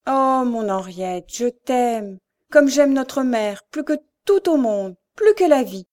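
Tender storybook daughter, soft and pleading, read by a woman. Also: on the high side, lively intonation, slow pace. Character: gentle young woman hiding her failing sight.

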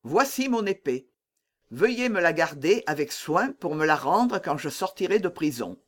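A man voicing a proud, dignified count in a storybook reading, calm and courteous. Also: on the high side, moderate pace. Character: proud, dignified middle-aged nobleman, a count.

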